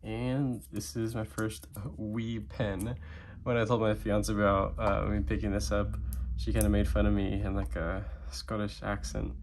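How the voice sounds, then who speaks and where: A man chatting casually through an unboxing vlog, thinking aloud with relaxed fillers. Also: lowish voice, unhurried, hardly any pauses, a little hiss or hum. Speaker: knife and gear reviewer.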